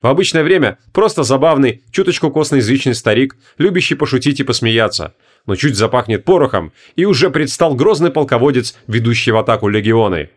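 A man narrating an audiobook in an expressive storytelling manner. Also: medium pitch, fairly quick.

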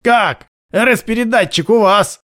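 A man voicing a broken, terrified male prison camp chief in an audiobook, defeated and shrill. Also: a little slow, fairly bright tone, no room sound, clean studio sound. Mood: fearful. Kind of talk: audiobook narration.

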